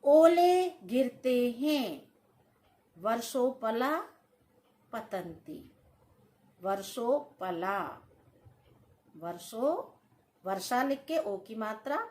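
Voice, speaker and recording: A woman's voice: medium pitch, slow, long pauses. A woman teaching a Sanskrit grammar lesson, dictating sentences word by word and stretching each word. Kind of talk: slow classroom-style grammar lesson.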